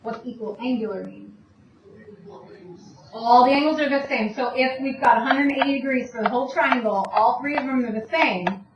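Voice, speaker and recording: A woman's voice: high voice, normal speed. A woman teaching a math lesson, explaining step by step and answering her own questions. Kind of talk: recorded classroom math lesson. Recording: distant, dull, echoey room with faint noise.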